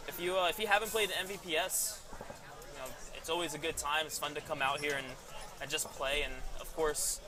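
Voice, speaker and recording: A man casually commentating a live paintball webcast outdoors, chatty and rambling, laughing at himself. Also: a little high. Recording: outdoor background noise.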